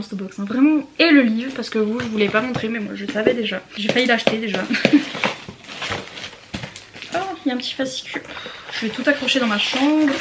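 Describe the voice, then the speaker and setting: A young woman gushes through an unboxing, giggling often and tossing English words into her chatter. Her voice sits a little high, with a faint hiss of noise under the recording. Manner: gushing, giggly, mixes English words into French. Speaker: book vlogger. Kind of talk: excited unboxing chat.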